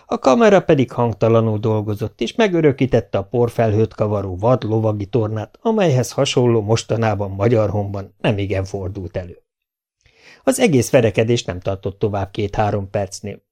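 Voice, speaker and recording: A man reading a children's novel aloud as an audiobook narrator, telling it in a lively way. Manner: lively storytelling, lifts pitch for quotes. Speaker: audiobook reader.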